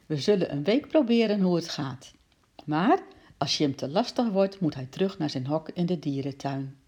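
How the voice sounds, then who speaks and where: A woman voicing a kindly, fussing middle-aged mother in a children's storybook, pitching her questions up in a fretful way. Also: expressive, normal speed, darkish tone, breathy edge. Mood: fretful, fond.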